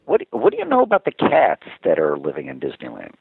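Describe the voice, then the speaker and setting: A man's voice: a bass voice, fast talker, vocal fry, husky, no room sound. A man who works as a voice actor, chatting as a guest in an interview and telling stories with eager enthusiasm. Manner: animated, enthusiastic storyteller. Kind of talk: casual interview chat. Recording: tinny phone-like line.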